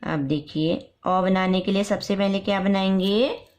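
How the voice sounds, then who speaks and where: A woman teaching young children's letter sounds step by step for parents, repeating each sound slowly. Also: medium pitch, steady tone, a little mellow. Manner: slow, repetitive, drawn-out letter sounds. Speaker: nursery teacher.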